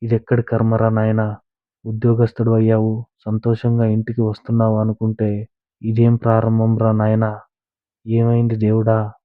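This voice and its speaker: A man's voice: fairly low pitch, completely flat delivery, normal speed, no echo, close to an everyday voice. A man reading a story voices a grief-stricken older mother who wails and laments, recorded on a tinny, dry line. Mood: grieving. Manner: wailing, lamenting.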